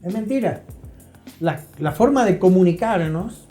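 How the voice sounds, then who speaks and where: Sounding like a therapist giving a reflective interview, this older Argentine-accented man has a mellow, soft-edged voice pitched high. He stays animated but unhurried, stressing points emphatically, teaching as he goes, and circling back to the same phrases. Faint music plays under an echoing room.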